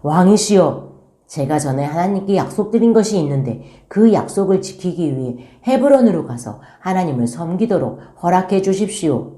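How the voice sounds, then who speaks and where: A cunning young prince, put on by a woman telling a Bible story, pleads with the king in a formal, deferential tone. The voice is low and dark. It sounds roomy and echoey. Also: animated, moderate pace, natural voice. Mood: pleading. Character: scheming young prince addressing the king politely. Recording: roomy echo.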